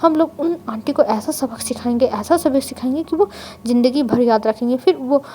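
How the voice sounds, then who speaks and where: A woman voicing a calm young man who soothes and reassures. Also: high-pitched, normal speed, slight background noise, lightly acted. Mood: reassuring. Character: young man, gentle and protective.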